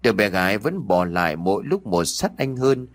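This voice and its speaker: A man narrating a ghost story in a dramatic, expressive storytelling manner. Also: on the low side, normal speed.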